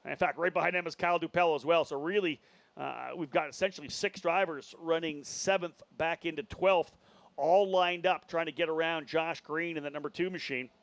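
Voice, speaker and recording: A man's voice: on the high side, fairly even intonation, fairly quick, a bit bright, dry recording. A man working as a motorsport commentator, giving live play-by-play and running through drivers and positions.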